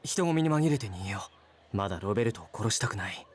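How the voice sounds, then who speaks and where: Calm, protective young mafioso. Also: male voice, fairly low pitch, rapid-fire, husky. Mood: cool, protective. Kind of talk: Japanese visual novel game acting. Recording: game audio with music behind. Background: game music.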